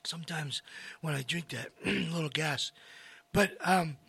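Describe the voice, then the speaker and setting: A man hosting a casual health talk, rambling and speaking straight to his viewers with lively asides. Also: fairly high pitch, unhurried, gravelly, slightly rough. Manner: rambling, addresses folks directly, animated asides. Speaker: host.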